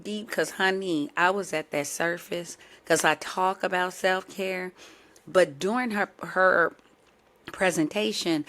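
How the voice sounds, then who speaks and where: A woman's voice: deep voice, fairly bright tone. A young adult woman hosting her own podcast. She has a sore throat and chats playfully, speaking straight to her listeners. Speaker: podcast host. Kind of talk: casual chat.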